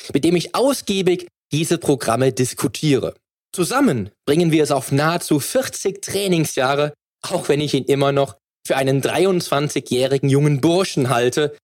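A man's voice: fairly high pitch, darkish tone, no room sound, clean studio sound. A man hosting a fitness podcast, reading a sponsor spot and then asking long, searching questions. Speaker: podcast host.

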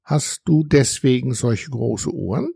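A man's voice: on the high side, moderate pace, gravelly, darkish tone, husky, no room sound, studio quality. An older man voicing a curious house dragon. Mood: innocent. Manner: wondering, innocent questions.

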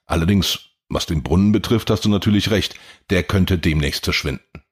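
A calm, talkative antiquarian man, read by a male narrator with a deep, husky voice. He explains things patiently, an audiobook figure. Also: normal speed. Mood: calm, chatty.

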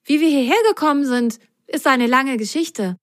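A woman's voice: high-pitched, moderate pace, no room sound, clean studio sound, voice pushed up, lightly acted. A woman doing a cheerful little sock. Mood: excited cheerful. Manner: polite, excited, warm-hearted.

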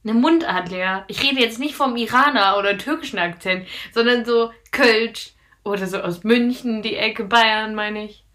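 A woman's voice: on the high side, normal speed, a bit bright. A young woman co-hosting a podcast, chatting casually and bluntly, often laughing. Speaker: podcast co-host. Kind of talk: casual chat.

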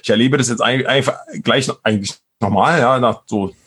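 A man with a Berlin accent and a slightly husky, breathy voice speaks as a guest on an interview podcast. He rambles loosely, circling back with fillers and restarts. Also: mid-range voice, fairly quick, fairly bright tone. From Brandenburg, Germany. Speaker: guest, entrepreneurship professor. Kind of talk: casual interview talk.

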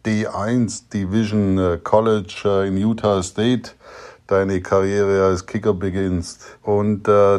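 A man's voice: low-pitched, darkish tone. A man, a father recording a fond, reminiscing message to his son, with some hesitant fillers.

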